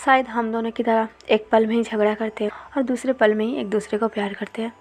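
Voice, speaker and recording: A woman's voice: on the high side, fairly even intonation, a little fast, lightly acted. A woman voicing a hot-tempered married young man who teases and defends himself. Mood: defensive. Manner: teasing and defensive.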